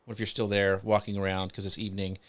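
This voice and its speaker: A man's voice: low-pitched, level tone, fast. A man hosting a live social media show, upbeat, greeting guests and reading out viewer comments. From United States.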